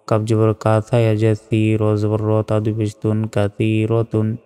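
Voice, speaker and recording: A man teaching Quran reading, methodically spelling out each syllable and then reciting the verses in slow, drawn-out phrases. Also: fairly low pitch, monotone, dark tone, smooth. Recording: long reverb, faint background music.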